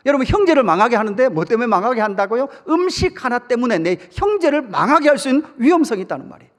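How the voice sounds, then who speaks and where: A man preaching a sermon as pastor, lively, asking the congregation questions and telling humorous stories. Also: extremely high pitch, very fast. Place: church sanctuary. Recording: long reverb of a church sanctuary.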